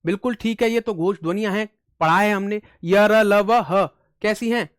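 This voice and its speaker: A man's voice: high voice, moderate pace, no echo, studio quality. A man teaching an online exam-prep lesson, asking the class questions and answering them himself, reciting letters with emphasis.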